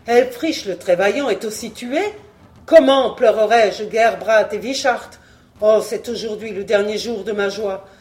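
An audiobook reader voicing a grieving, proud male warrior king who laments loudly. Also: medium pitch, normal speed, lightly acted. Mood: lamenting. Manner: lamenting, emphatic. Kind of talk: audiobook reading.

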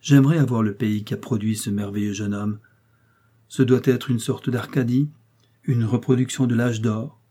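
A man's voice: mid-range voice, fairly even intonation, moderate pace, mellow, husky, close to an everyday voice. A man reading the part of a proud aristocratic woman who calls herself a revolutionary, speaking in an emphatic, declamatory manner. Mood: teasing.

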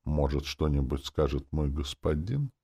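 A man's voice: a bass voice, a little slow, breathy edge, full character voice. A man voicing a fawning, cheeky male zombie, a former official, in a wheezy, nasal voice in an audiobook. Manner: flattering, cheeky, theatrical. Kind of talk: audiobook character voice.

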